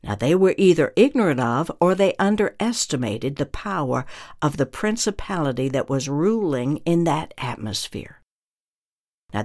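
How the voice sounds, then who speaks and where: In a mid-range voice, the minister works through a scripted teaching on faith. Each phrase comes out with weight, his tone earnest and unhurried.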